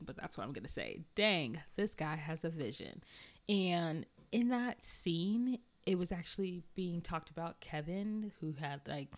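A woman hosting a podcast in a casual, chatty way, laughing often and tripping over her words. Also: deep voice. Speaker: podcast host reviewing a movie. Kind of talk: casual chat.

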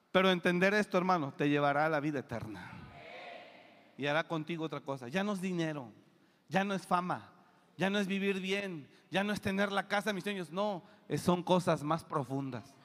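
Emphatic male pastor, high-pitched, booming one moment and murmuring the next, echoing hall. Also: normal speed. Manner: emphatic, shifts between loud bursts and low asides. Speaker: preacher. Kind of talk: sermon. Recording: long reverb of a church hall.

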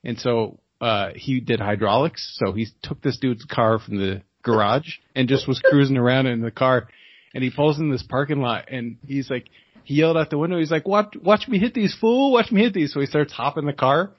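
Man with a husky voice and slangy, laughing delivery, dry muffled lo-fi sound. Podcast guest, casual chat. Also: medium pitch, fairly even intonation, normal speed, no room sound. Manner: laughing, slangy, filler-heavy.

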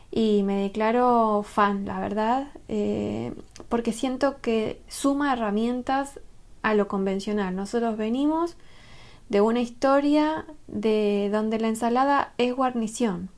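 A woman's voice: fairly high pitch, darkish tone. A woman, answering as a nutrition expert guest, conversational and enthusiastic, repeating phrases as she thinks.

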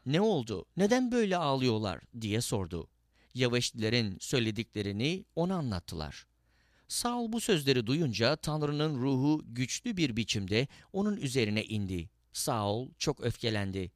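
A man's voice: mid-range voice, no echo, studio quality. A man reading a Bible passage aloud as scripted narration, lifting his voice for the quoted speech. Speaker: Bible reader.

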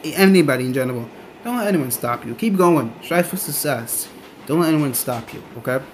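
A young adult rambling through a casual podcast-style rant in a halting, repetitive, emphatic way. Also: medium pitch, animated. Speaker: podcaster, online content creator. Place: on board a train. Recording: noisy train ambience behind the voice. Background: train noise.

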